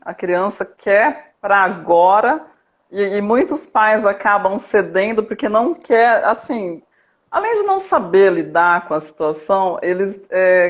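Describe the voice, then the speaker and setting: A woman with a mid-range voice talks a parent through a situation step by step, calm and didactic, often checking in with a short question. The sound is dull and lo-fi, as from a live stream call. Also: medium pitch. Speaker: family coach and educator. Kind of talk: explaining in a live video chat.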